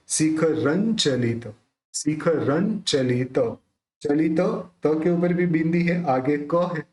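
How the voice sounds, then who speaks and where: Man slowly teaching chant pronunciation, echoey. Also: fairly high pitch, a little mellow. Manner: explains patiently, then recites verses slowly in a drawn-out chant. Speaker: Sanskrit hymn recitation teacher. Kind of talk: pronunciation lesson with slow chanted recitation.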